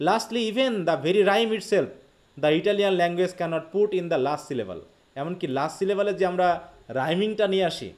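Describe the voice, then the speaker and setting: A man with a Bangladeshi accent teaching a live online literature class. He explains quickly, reads English passages slowly and keeps asking his students questions. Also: high-pitched, expressive. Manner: quick Bengali explanation, slow read-aloud English quotes, frequent questions to students.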